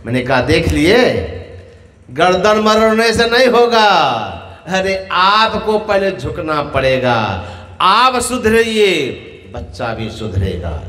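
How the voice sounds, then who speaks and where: A man's voice: high-pitched, sing-song, slow, sharp tone. A man giving a sermon, telling a moral story and voicing its boys and father in turn, with rhetorical questions to the listeners. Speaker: swami giving a discourse. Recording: echoey hall, voice from far off.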